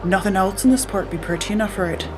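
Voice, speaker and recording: A woman's voice: mid-range voice, fast talker, close to an everyday voice. A roguish pirate captain, acted out by a woman storyteller, boastful and flirtatious in a thick stage pirate brogue. He speaks heartily and coaxingly, with music playing behind him.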